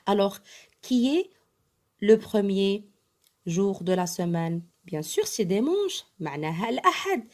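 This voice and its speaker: Woman teacher; slow, emphatic, bilingual explainer for young pupils. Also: medium pitch, a little mellow. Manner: slow, emphatic letter-by-letter explaining, switching to Arabic. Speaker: primary school French teacher. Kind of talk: bilingual lesson explaining an exam.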